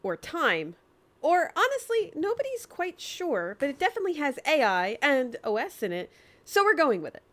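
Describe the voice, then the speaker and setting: A woman's voice: high voice, wildly swooping pitch, normal speed, a bit bright. A woman co-hosting a tech podcast, making dry, joking asides in a scripted intro and in casual chat. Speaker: podcast co-host.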